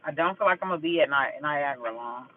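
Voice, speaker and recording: A man's voice: on the high side, fast talker, slight background noise. A man venting bluntly and with lots of swearing in a casual vlog, then reading tarot cards. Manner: blunt, profane and emphatic, venting about a grudge. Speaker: vlogger doing a tarot reading. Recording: tinny phone-like audio.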